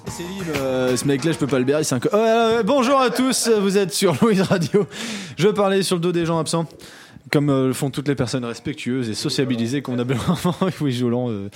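A man's voice: a little high, expressive, brisk, soft background music. A young man hosting a radio show, joking crudely and teasing his co-hosts. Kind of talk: loose banter on student radio.

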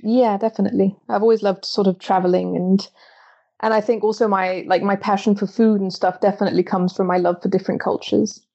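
A woman's voice: medium pitch, flat delivery, brisk, dark tone, dull audio. A woman in her twenties from Belgium, a podcast guest who talks chattily and often breaks off to restart her thoughts. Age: 20s. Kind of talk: interview conversation.

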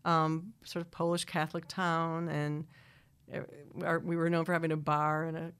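A middle-aged woman from Wisconsin with a Wisconsin accent talks into a studio microphone in a slightly low voice. She rambles through long, self-interrupting answers and laughs easily between thoughts. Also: flat delivery, moderate pace, fairly bright tone, clean tone. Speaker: singer-songwriter guest. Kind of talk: casual interview chat.

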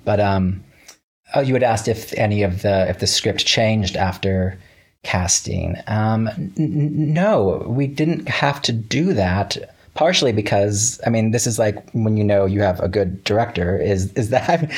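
A lowish, slightly breathy male voice belongs to a writer being interviewed in a relaxed chat. He talks in fits and starts with hesitant false starts, and often dramatizes bits of old conversations by quoting his own words.

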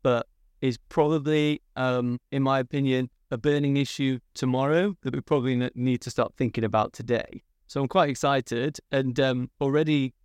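A man hosting a podcast in a relaxed, friendly way, with lots of "um" and "uh". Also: medium pitch, normal speed, clear, resonant tone, dry recording, studio quality. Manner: relaxed, filler-heavy, friendly. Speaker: podcast host, co-founder. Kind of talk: casual interview chat.

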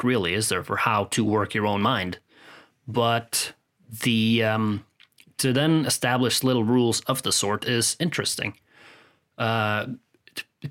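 Man rambling in a low voice. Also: fairly bright tone. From Norway. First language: Norwegian. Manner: rambling, frank, swears freely, many restarts. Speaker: podcast host. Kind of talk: casual solo monologue.

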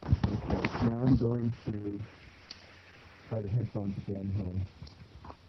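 A man's voice: lowish voice, steady tone, slow pace, very noisy. A man co-hosting a podcast, rambling casually through a story discussion, his voice muffled and hollow as if he were in a tunnel. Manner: rambling, restarts often. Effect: muffled hollow sound, as if in a tunnel. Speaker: podcast co-host. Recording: muffled phone-like bad mic.

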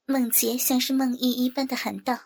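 A woman narrating a scripted adult audio story in a soft, even delivery. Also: sits high, moderate pace, creaky, breathy edge.

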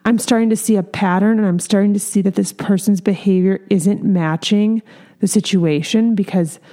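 Woman, 30s, hairstylist and salon owner; candid, earnest casual podcast talk, soft darker tone. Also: medium pitch. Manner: earnest, candid, lots of fillers.

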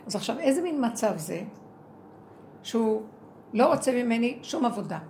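A woman with a raised, gravelly voice gives a heartfelt spiritual testimony. She drops to low murmurs, then surges into loud cries, and voices her inner arguments as quoted speech. Faint background noise sits under her voice. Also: big pitch swings. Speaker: speaker in a religious talk.

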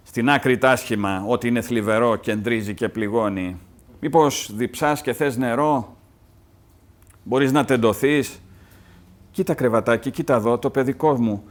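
A restless young man who dodges hard topics and speaks gently to his dying mother, as a man reads the part aloud. The voice has a middling pitch and a quiet, even reading tone. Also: lightly acted. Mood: gentle. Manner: read aloud from a play translation.

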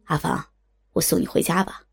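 A woman voicing a pushy, smooth-talking man who speaks in a low, half-whispered coaxing way. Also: normal speed, faint music behind, lightly acted.

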